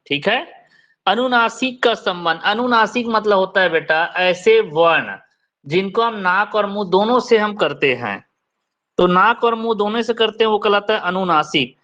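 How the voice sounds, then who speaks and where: A man teaching Hindi grammar in an online class, slowly drilling letter sounds and quizzing his students. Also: high voice, lively intonation, sharp tone, highs cut off.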